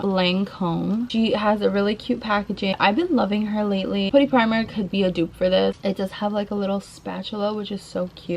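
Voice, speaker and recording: A woman's voice: medium pitch, darkish tone, rough recording. A woman chatting casually and informally to her viewers in a girly way, as a beauty vlogger giving a makeup tutorial. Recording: clear background noise of rain. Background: rain.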